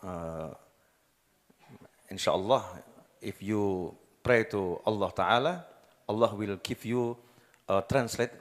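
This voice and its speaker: A man's voice: on the low side, takes it slowly, long pauses, in a large hall. A man with a Javanese accent preaching a sermon, joking and quizzing his audience as he goes. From Java, Indonesia. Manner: jokey, asks the crowd questions, mixes in local dialect.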